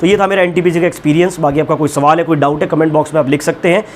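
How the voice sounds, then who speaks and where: Young man, exam-prep vlogger, rapid speech, slightly high voice, earnest and direct, faint hiss behind. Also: fairly even intonation. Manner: earnest, direct, reassuring with "ठीक है ना" asides. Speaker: YouTube exam-prep channel host. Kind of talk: casual advice talk to viewers.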